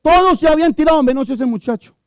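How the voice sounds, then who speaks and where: A man with a Colombian accent preaching a sermon as pastor of a church, emphatic, with loud high bursts and low quiet stretches. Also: animated, fast talker, no echo. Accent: Colombian Spanish.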